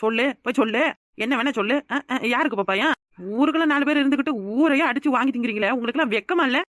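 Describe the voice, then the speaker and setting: A woman's voice: high-pitched, very fast, dry recording, clean studio sound. A woman voicing a fiery young village woman. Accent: southern Tamil Nadu rural dialect. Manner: fiery, shouting, scolding. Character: loud outspoken young village woman Chinna Ponnu. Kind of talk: cartoon voice acting.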